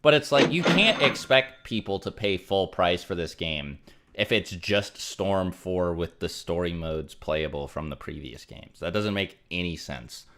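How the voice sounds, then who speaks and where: In a casual livestream, a young man responds to donations, wandering from point to point and filling gaps with "like" and "um". His deep voice is animated and unhurried with a fairly bright tone, and a faint hiss or hum sits underneath.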